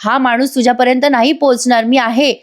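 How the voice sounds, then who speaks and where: A calm, scheming older man with a firm, soothing delivery, read by a woman narrator in her own higher voice. He steadies a frightened listener without raising his tone much. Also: brisk, lightly acted.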